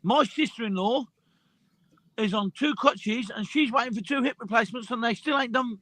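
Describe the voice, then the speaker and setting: A man's voice: very high-pitched, moderate pace, a bit bright, no room sound. A man in his fifties in a casual group chat, often stammering and repeating himself as he tells a story. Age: 50s.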